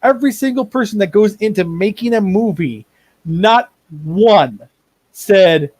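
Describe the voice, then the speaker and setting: A man with a fairly high voice runs a tabletop game, rambling and circling back over his words as he rants. The recording is dry and close, with almost no room sound. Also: lively intonation, a little slow, darkish tone, no echo. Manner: rambling, repeats words while building a rant. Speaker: game master. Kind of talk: running a tabletop game, casual chat.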